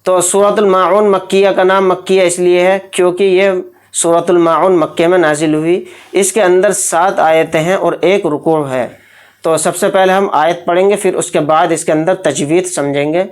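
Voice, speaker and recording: A man's voice: high-pitched, fairly even intonation, smooth. A man teaching Quran recitation with tajweed, patiently explaining each rule step by step. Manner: patient, explains rules step by step, then chants verses slowly. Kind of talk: tajweed lesson with slow drawn-out recitation.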